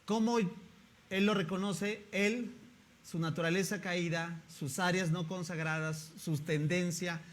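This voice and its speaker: A man's voice: high voice, fairly even intonation, slow. A male pastor, preaching a sermon in a conversational way and often asking the congregation rhetorical questions.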